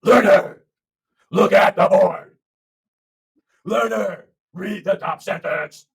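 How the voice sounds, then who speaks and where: A man imitating his wife as a strict woman English instructor, giving slow, precise classroom commands. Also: sits high, creaky, recorded from a distance, voice pushed up, full character voice. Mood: commanding.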